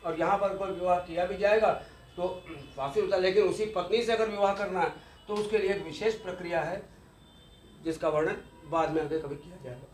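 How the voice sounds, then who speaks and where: A man delivers an exam-focused law lecture in a slightly high voice, patiently explaining and repeating key terms. His voice rings in an echoey room. A faint ambient hiss sits underneath. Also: fairly even intonation, brisk. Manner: explanatory, repeats key terms, mixes English legal words.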